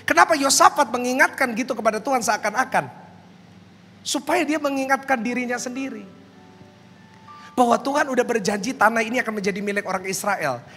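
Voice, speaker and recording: High, bright-voiced preaching pastor in a hall. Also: male voice. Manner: lively preaching, rising to loud calls to the congregation; jokes with the congregation in casual colloquial speech. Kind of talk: sermon. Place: large church hall. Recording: long church hall reverb.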